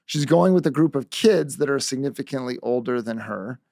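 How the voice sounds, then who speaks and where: A man hosting a talk on negotiation, telling a family story in an animated, conversational way. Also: mid-range voice, a little fast, vocal fry, no echo, clean studio sound. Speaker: negotiation expert, show host.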